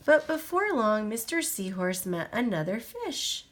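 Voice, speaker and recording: An adult woman reads a children's picture book aloud slowly, her fairly high voice swinging widely in a gentle sing-song. She pauses to point things out to a little listener at home.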